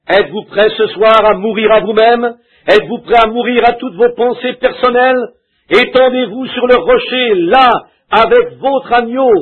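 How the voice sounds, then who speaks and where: A man delivering a sermon in a fervent, pleading preaching manner. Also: sits high. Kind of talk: French dubbed reading of a sermon. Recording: tinny, narrow lo-fi tape sound.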